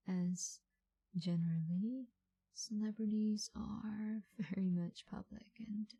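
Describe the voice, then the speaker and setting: In a soft, breathy ASMR role-play, a woman with a mid-range voice plays a patient, reassuring call center agent. She speaks in unhurried phrases and murmurs acknowledgements along the way.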